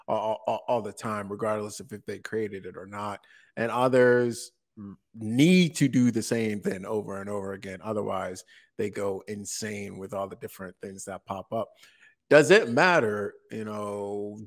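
Thoughtful man in his thirties. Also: on the low side. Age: 30s. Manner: measured, thoughtful, asks probing questions. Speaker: podcast co-host. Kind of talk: casual podcast chat.

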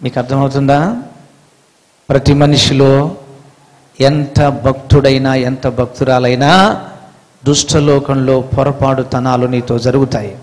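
A man preaching a sermon with passion, swinging between loud pleading and low, intimate tones. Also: fairly even intonation, unhurried, long pauses, in a large hall, poor audio.

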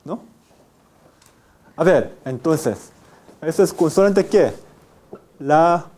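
Male university lecturer, drills Spanish pronunciation; pitch moves a lot. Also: animated, warm tone, breathy edge. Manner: repeats example words slowly, quizzes the class. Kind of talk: classroom lecture with questions to students.

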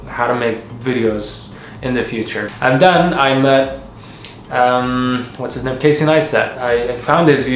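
A man in his twenties casually answering viewer questions in a relaxed, chatty way, with lots of fillers and restarts. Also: mid-range voice. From Canada and Qatar. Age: 20s. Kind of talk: casual Q&A vlog. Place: home office, then outdoor courtyard. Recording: echoey room with clear background noise.

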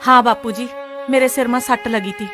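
A woman's voice: on the high side, fairly even intonation, a little fast, over music. A woman with a Punjabi accent speaking brashly and teasingly in a comedy sketch.

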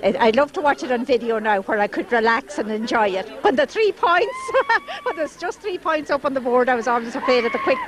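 A middle-aged woman with a Donegal Irish accent, chatting earnestly and excitedly in a street interview, recorded on a camcorder outdoors. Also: high-pitched, a little fast, few pauses. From County Donegal, Ireland. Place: outdoors in a town street at night. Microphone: camcorder microphone at close range. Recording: amateur camcorder amid noisy street crowd.

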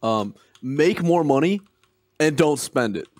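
A man's voice: fairly high pitch, slow pace, no room sound. A man ribbing his friends in a voice call, his voice leaping up and down as he holds forth with mock confidence. The sound is dry and close, with no room around it. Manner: sarcastic, animated, swears. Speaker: friend in a group debate. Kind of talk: casual joking chat.

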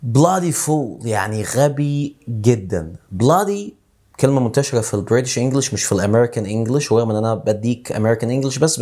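A man with an Egyptian Arabic accent teaching English casually, slowing down to repeat English phrases word by word. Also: medium pitch, darkish tone. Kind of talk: casual video lesson.

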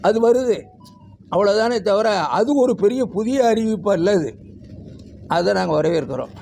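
A man's voice: high-pitched, normal speed, vocal fry, warm tone, a little hiss or hum. A man speaking as a teachers' union leader at a press conference, emphatic as he lists figures and demands.

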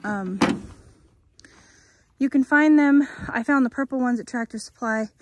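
A woman's voice: high voice, measured pace, no echo. A woman chatting casually and folksily into a handheld phone as she works outdoors, narrating what she does. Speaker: homestead vlogger. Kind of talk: casual outdoor vlog chat. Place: outdoors in a rural pasture. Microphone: handheld phone held by the speaker. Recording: noisy outdoor handheld recording, rural background.

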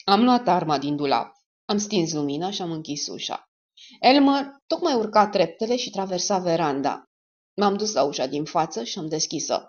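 A woman reads a dark crime audiobook in a lowish voice that rises and dips expressively. Her delivery is steady and measured. The recording sounds slightly dull and lo-fi. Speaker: audiobook narrator. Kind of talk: dramatic audiobook narration.

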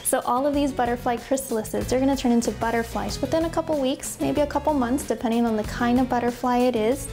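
A woman's voice: on the high side, quick pace, hardly any pauses, mellow, soft background music. A woman in her twenties guiding young children as an educator, in a kids show host manner with simple questions and call-outs. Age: 20s. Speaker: butterfly expert and field trip guide. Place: lab room and outdoor butterfly garden.

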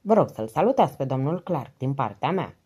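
A woman's voice: a bass voice, big pitch swings, mellow, breathy edge, exaggerated voice. A woman reading the lines of a stern middle-aged male police commissioner in an audiobook, curt and businesslike on the phone. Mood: brisk.

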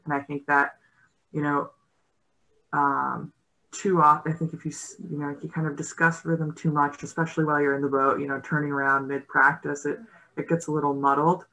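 Low and brisk with little pitch movement, this woman's voice is bright and forceful, though the recording is rough. She is a rower in her thirties appearing as a guest on a casual panel via video call, using a laptop mic in an indoor home room and speaking hesitantly and thoughtfully with frequent fillers.

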